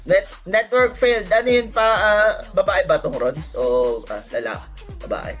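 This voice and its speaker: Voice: medium pitch, big pitch swings, normal speed, a bit bright, soft background music. A co-host on a livestream game commentary, joking and chiming in.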